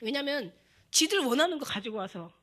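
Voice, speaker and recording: A woman's voice: high voice, lively intonation, a little fast, sharp tone. A middle-aged woman pastor preaching a sermon with emotion, acting out prayers and God's words as she goes.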